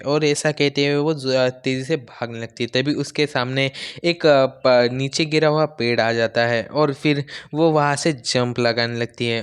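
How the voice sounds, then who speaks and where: A man's voice: mid-range voice, smooth. A man casually retelling a manga episode scene by scene, briefly voicing each character's lines. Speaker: manga explainer. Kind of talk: casual recap narration.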